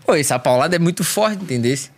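This is a young man, a guest on a casual talk show. His voice sits slightly high, and he tells his story in a slangy, lively way, often laughing as he talks. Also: fast talker. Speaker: podcast guest.

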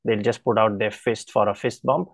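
A man preaching, telling a personal testimony in an earnest, halting way with frequent restarts. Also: lowish voice, steady tone, creaky, no room sound.

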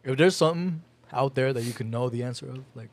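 Fast-talking man asking earnest questions. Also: medium pitch. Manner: earnest, asks open questions. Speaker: podcast co-host. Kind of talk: casual chat.

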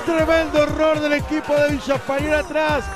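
An Uruguayan man delivers breakneck goal commentary at a very high, strained-up pitch, holding it on one excited level. He is an impassioned, shouting football commentator. Loud music and crowd sit behind him. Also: fairly quick. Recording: music and crowd noise behind radio broadcast.

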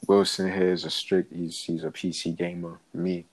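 A young man with a London roadman accent, co-hosting a casual chat in a laid-back, slangy, halting way. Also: deep voice, flat delivery. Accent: London, urban roadman slang style. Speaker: co-host.

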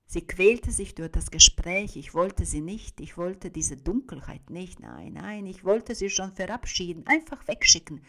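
A woman giving a dramatic reading of a first-person monologue. She drops into hushed whispers and then breaks out loudly, with a rhythmic, drum-like way of phrasing. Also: lowish voice, lively intonation, a little slow, few pauses. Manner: swings between hushed whispers and sudden loud outbursts.

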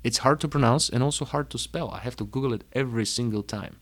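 A young man from Bulgaria with a Bulgarian accent, telling his life story in an emphatic, energetic way and listing words one by one. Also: mid-range voice, quick pace. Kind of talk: personal talk.

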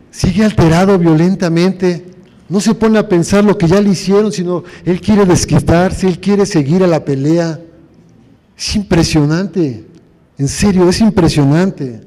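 With a high-pitched, warm voice, a man delivers a sermon, weaving in stories and asking the congregation questions. The church hall gives the recording a long reverb.

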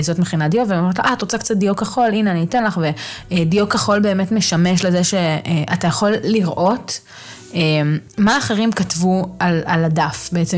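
A woman hosting a podcast, retelling a novel's plot in a chatty, animated way with many hesitations. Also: lowish voice. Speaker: podcast host. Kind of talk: casual book recap.

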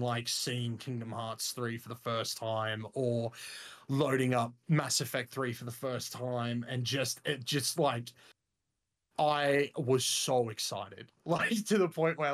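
A young man co-hosting a gaming podcast, talking casually and enthusiastically in long, rambling sentences. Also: mid-range voice. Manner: enthusiastic, rambling, says "freaking" and "mate" a lot. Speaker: podcast co-host. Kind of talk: casual chat.

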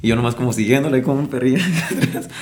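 A young man with a Mexican accent, a musician guest telling his story in a casual interview, slangy and animated, acting out what others told him. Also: mid-range voice, racing. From Mexico, Michoacán. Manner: slangy, animated, acts out quoted dialogue.

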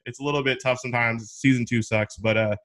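A man's voice: mid-range voice, fairly even intonation, fast, fairly bright tone. Slangy young man hosting a podcast. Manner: chatty storyteller, slangy, many restarts. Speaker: podcast host. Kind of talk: casual podcast chat.

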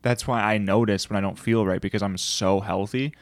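A man's voice: on the low side, a little fast. A man co-hosting a podcast in casual chat, telling stories animatedly and poking fun at himself. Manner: animated storyteller, self-mocking, laughs mid-sentence. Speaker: podcast co-host.

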